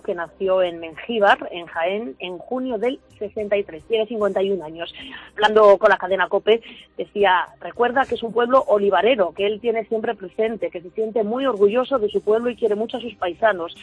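A woman correspondent delivering a radio news report in a measured cadence. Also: mid-range voice, breathy edge, no room sound, rough recording.

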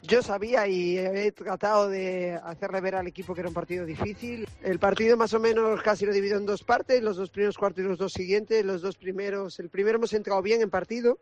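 A woman basketball coach giving a measured, analytical post-game statement. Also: medium pitch, a little mellow, no room sound, dull audio.

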